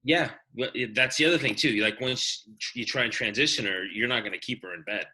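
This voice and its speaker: A man's voice: medium pitch, brisk, bright, forceful tone, poor audio. A middle-aged man co-hosting a podcast, casually giving fatherly parenting advice in a firm, practical way. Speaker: podcast co-host. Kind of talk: casual chat.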